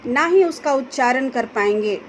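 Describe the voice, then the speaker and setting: A woman teacher explaining a grammar lesson to students slowly, carefully pronouncing each example sound. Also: sits high, animated, a little hiss or hum, poor audio. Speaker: school Hindi teacher.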